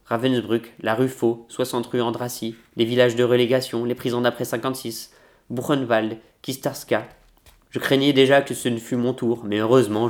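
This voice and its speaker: A man reading a passage from a novel aloud in a measured, steady literary manner. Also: mid-range voice.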